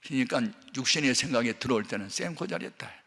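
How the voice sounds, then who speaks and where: Gravelly older male pastor, echoing hall. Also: medium pitch, quick pace. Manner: animated, acts out dialogue, shouts at peaks. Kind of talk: sermon with storytelling. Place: large church hall. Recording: long hall reverb.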